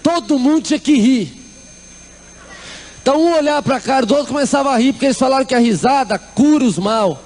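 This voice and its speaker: A man's voice: very high-pitched, quick pace, a little mellow. A middle-aged Brazilian man giving a comic church testimony, acting out the people in his story. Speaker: testimony speaker.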